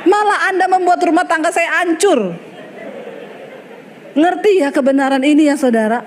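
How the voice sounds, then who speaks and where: A high-voiced woman pastor preaching in a large church hall, her voice trailing off in long reverb. She delivers a lively sermon and acts out bits of dialogue with sudden pitch shifts. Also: normal speed, a faint crowd, a little hiss or hum.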